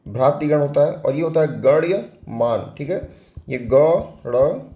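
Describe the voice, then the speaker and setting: Speaking with a Hindi accent, a male teacher walks through an exam-prep spelling lesson word by word, posing questions and answering them himself. His voice sits a little high yet mellow, expressive and unhurried. The audio is dull and carries a roomy echo.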